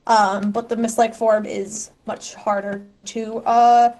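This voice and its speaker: A woman game master narrating a tabletop game casually, halting and rephrasing as she thinks aloud. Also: fairly high pitch, flat delivery, darkish tone.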